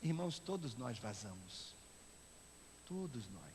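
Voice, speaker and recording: Brazilian pastor preaching in an echoing church. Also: male voice, medium pitch, very animated, unhurried, slight background noise. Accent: Brazilian Portuguese. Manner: dramatic swings from loud shouting to hushed speech. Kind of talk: sermon. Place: church sanctuary. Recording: long church reverb with soft instrumental music.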